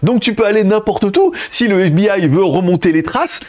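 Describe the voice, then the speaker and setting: Casting: male tech vlogger, quick and lively, fairly high voice. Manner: chatty, addresses viewers directly. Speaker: tech reviewer. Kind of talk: casual tech review.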